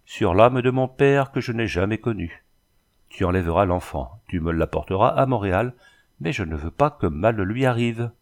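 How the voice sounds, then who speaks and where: A man's voice: fairly low pitch, lively intonation, normal speed. A man reading a storybook voicing a scheming middle-aged ship captain who gives curt commands.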